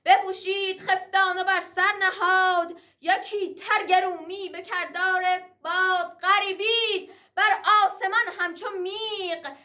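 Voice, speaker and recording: A woman's voice: very high-pitched, fairly even intonation, bright, forceful tone, recorded from a distance. A woman reciting a traditional epic in the declamatory manner of a teahouse storyteller, moving between dramatic verse and narration.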